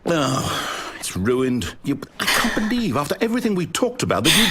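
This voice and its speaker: A man's voice: fairly high pitch, wildly swooping pitch, moderate pace, over a noisy crowd. An actor playing a fussy male narrator in a video game, dramatic and pleading, with an anxious, wounded manner. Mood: distraught. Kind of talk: scripted game voice acting.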